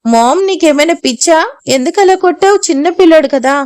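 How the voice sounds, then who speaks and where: A woman reads a young man who speaks reproachfully to his mother. The voice stays high, with no figure-specific change of tone. The sound is dry. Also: expressive, fairly quick, darkish tone, dry recording.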